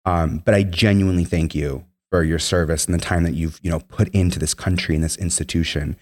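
The guest is a young man, formerly in the military and originally a Spanish speaker, recounting his experiences a little fast in a low, fairly even voice. His telling is earnest and rambling, thick with "you know" and "um."

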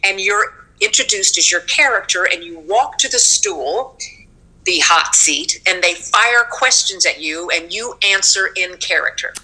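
A woman's voice: medium pitch, a little slow, husky, poor audio. A woman, a stage actress, telling anecdotes in an interview and acting out the voices of people she quotes. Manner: animated storytelling, acts out quotes.

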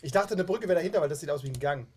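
A man's voice: on the high side, lively intonation, rapid-fire, a little mellow, a little hiss or hum. A man chatting casually as a tabletop game player, puzzled and full of questions.

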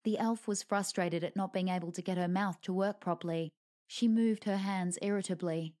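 A woman's voice: fairly low pitch, steady tone, moderate pace, warm tone. A woman reading a lighthearted fantasy story aloud with a dry, wry delivery. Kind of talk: storybook narration.

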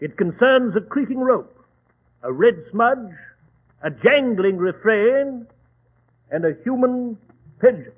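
An actor playing a loyal, earnest gentleman doctor in a 1940s radio drama, with hesitant, courteous delivery. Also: extremely high pitch, animated, takes it slowly, pauses often, heavily acted. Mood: genial storytelling. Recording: tinny, narrow-band 1940s radio recording.

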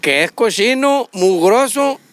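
Mexican man, high lively voice, slow delivery, comic poem recital, casual podcast chat. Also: no echo. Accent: Mexican Spanish. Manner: joking, laughs often, slow drawn-out recital. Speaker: podcast co-host.

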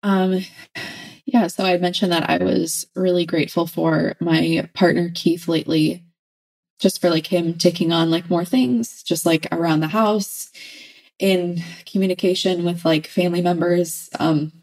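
A woman on the verge of tears speaks haltingly as a podcast co-host, full of pauses and fillers. Her voice is slightly lower than most. She sits a little away from the mic. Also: fairly even intonation, gravelly, a little mellow, far from the mic, poor audio. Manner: halting and vulnerable, many fillers. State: emotional, near tears. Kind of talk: casual chat.

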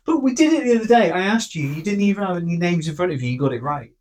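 A podcast co-host reading out a quiz in casual chat, laid-back and quick to giggle. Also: mid-range voice, lively intonation, a little mellow.

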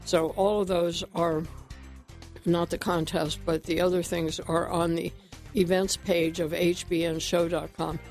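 A woman hosting a morning health radio show, chatting casually, slightly out of breath and clearing her throat often. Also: lowish voice, flat delivery, unhurried, a little mellow, faint music behind. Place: radio studio.

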